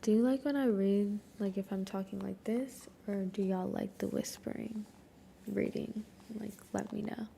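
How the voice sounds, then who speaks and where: A woman's voice: medium pitch, steady tone, normal speed, creaky, dark tone, slight background noise. A young woman streamer doing whispered ASMR reading, casually chatting with her viewers between passages.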